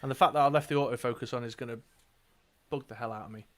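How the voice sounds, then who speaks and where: A man with a mid-range voice chats at an easygoing pace about his card game team. He fills his talk with "uh" and "um" and reads card rules aloud. He keeps the tone casual and relaxed. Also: medium pitch, very fast. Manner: chatty, many fillers, reads out card text. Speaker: co-host of a dice game stream. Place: indoors at a gaming table.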